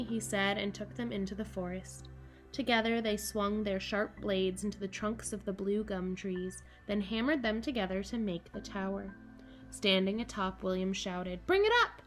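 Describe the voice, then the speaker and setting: A woman in her thirties, a camp director and children's story reader, gives an expressive picture-book read-aloud and chats to children in a small indoor playroom. Her medium-pitched voice is animated and encouraging, with wide-eyed emphasis.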